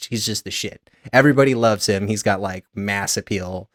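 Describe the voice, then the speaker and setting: A man with a low voice chats casually on a podcast, rambling through long explanations full of fillers and restarts. His voice sounds dry and close to the mic, with no room around it. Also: normal speed, dry recording. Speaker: podcast co-host. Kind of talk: casual chat.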